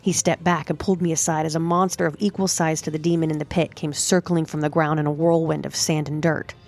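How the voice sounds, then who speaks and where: A woman narrating a dramatic first-person story with steady, dramatic storytelling. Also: sits low, brisk. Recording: faint music under the voice.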